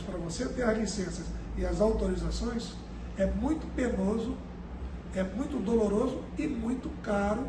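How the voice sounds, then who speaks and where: A man from the Amazon region, a company director answering interview questions earnestly and deliberately, often repeating words as he searches for them. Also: high voice. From Brazil, Amazonas. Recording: echoey room, distant mic, background noise.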